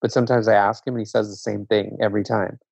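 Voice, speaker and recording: A man from Zambia, a guest in a casual conversation, speaking in a reflective, measured way and often restarting his sentences. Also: on the low side, little pitch movement, gravelly, a little mellow, slightly rough, no echo. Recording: dull lo-fi dry sound.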